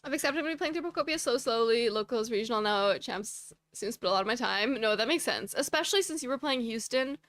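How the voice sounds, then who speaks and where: A woman's voice: a little high, expressive, fast, few pauses, fairly bright tone, dry recording. A woman streamer chatting casually while playing a game and answering viewer chat with rambling asides.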